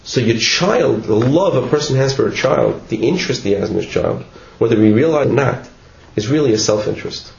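Gravelly-voiced teacher in an echoey room. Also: male voice, mid-range voice, expressive, a little fast, few pauses, darkish tone. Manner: informal, repeats words, asks "right?" often. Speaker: teacher giving a Torah class. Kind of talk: text study lesson, reading Hebrew and explaining in English. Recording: echoey room, dull lo-fi with faint noise.

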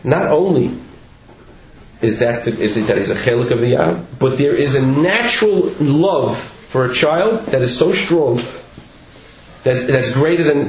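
A man teaching a text study class, reading passages and explaining them in an informal way, often asking "right?". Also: medium pitch. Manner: informal, repeats words, asks "right?" often. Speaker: teacher giving a Torah class. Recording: echoey room, dull lo-fi with faint noise.

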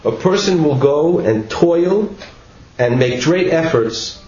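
This Torah teacher's voice sits on the high side, with a darkish tone, lively intonation, and a slow delivery. Reading texts aloud, he unpacks them casually, says words twice, and keeps checking in with "right?" Faint noise runs under the dull, lo-fi audio, which was captured in an echoey room.

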